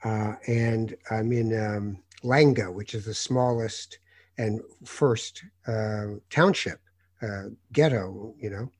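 A man from North Africa, a journalist hosting an interview, telling lively anecdotes with many hesitant fillers. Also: lowish voice, slow. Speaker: host, journalist. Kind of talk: conversational interview storytelling.

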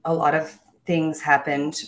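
Candid and personal, a young woman's interview account of her life is delivered in a low, level voice at a measured pace. She's upbeat and self-assured, with occasional small laughs and false starts.

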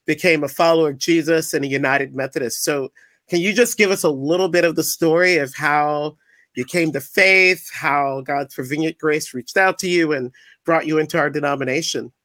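A man's voice: on the high side, moderate pace, a bit bright, no room sound. Friendly male podcast host, dry close sound. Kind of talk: podcast intro and interview.

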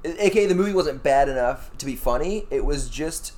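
A man's voice: a little high, lively intonation, brisk, darkish tone. A man co-hosting a podcast in casual chat, often hesitating and restarting his sentences. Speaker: podcast co-host.

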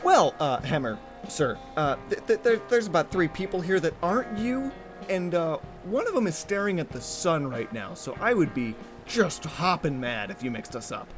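A man's voice: fairly high pitch, lively intonation, normal speed, over music, natural voice. A man playing a hesitant, wry young soldier who stammers, in a comedic audio drama.

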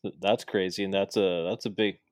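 A man with a low voice and fairly even intonation hosts a podcast, talking briskly in a casual, rambling chat full of fillers and restarts. The recording is dry and studio quality.

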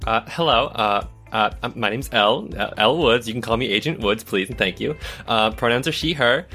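A man's voice: medium pitch, a little fast, over music, lightly acted. A man voicing a prim, pink-loving woman legal agent who speaks politely and hesitantly. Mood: prissy.

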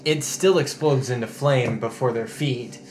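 A man's voice: mid-range voice, a little slow, slight background noise, poor audio. Man running a tabletop game. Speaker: game master. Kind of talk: casual tabletop game narration.

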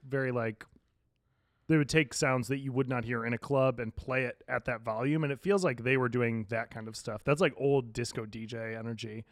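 A man's voice: mid-range voice, fairly even intonation, moderate pace, no echo. Easygoing man co-hosting, dry mic. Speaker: podcast co-host. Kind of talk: casual chat.

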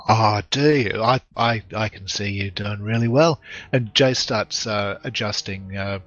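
A man's voice: on the low side, a little slow, fairly bright tone, dry recording, lo-fi sound. A man playing a tabletop game, talking hesitantly with many fillers. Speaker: player.

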